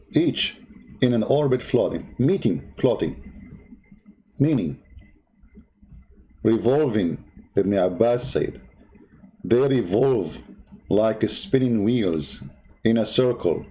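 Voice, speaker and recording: A man hosts a polemical commentary over a video, emphatically mocking and insulting, now and then humming to himself as a debate host. His voice is low, dark and expressive, slow with long pauses, and the audio is poor.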